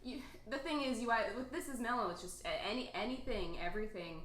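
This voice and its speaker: A woman playing a spacey mellow brand manager. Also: a little high, quick pace, roomy sound, poor audio. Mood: evasive. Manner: rambling, hesitant, repeats "mellow" deadpan. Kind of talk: improvised comedy bit.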